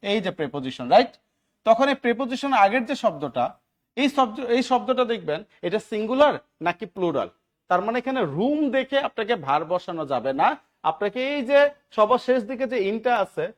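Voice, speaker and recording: A male tutor from Bangladesh runs an English grammar class for job-exam students. His voice sits high, and he drills the room with quick questions that he answers himself. He grows louder and more emphatic when he stresses a key rule. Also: big pitch swings. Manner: keeps asking the class short check questions and answering them himself. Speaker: teacher.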